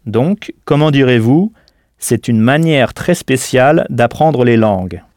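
A man's voice: mid-range voice, expressive, a little slow, darkish tone, no room sound, studio quality. A man teaching a scripted audio language lesson, patient and didactic, prompting the listener to answer.

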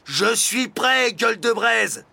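A man's voice: fairly high pitch, expressive, normal speed, vocal fry, husky, dry recording, pitched above the performer's own voice, exaggerated voice. A man doing a brash stubborn postman. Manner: brash, shouting. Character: determined adult male postman.

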